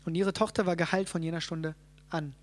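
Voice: mid-range voice, steady tone, a little fast. Bible teacher walking people through scripture, keeps asking "ja?", lots of ums and restarts while thinking it out. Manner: checks in with listeners, frequent "ja?"; thinks aloud with fillers and restarts.

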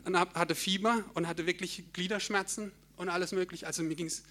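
Bright, high-voiced man telling a testimony. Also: a little fast, slight background noise. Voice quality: expressive storyteller who laughs at himself and sings snatches of hymns. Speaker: church speaker sharing a testimony. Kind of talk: personal testimony in a church talk.

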